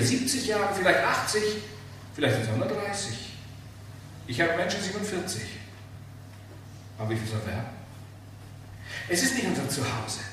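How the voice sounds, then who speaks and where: A man preaching a sermon, emphatic and animated, asking the listeners rhetorical questions. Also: high-pitched, distant mic. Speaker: pastor. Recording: very echoey hall, speaker off-mic, faint room noise.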